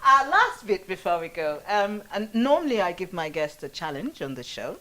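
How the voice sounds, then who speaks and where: Bubbly talk show hostess. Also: female voice, lowish voice, animated, moderate pace. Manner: bubbly, laughs often.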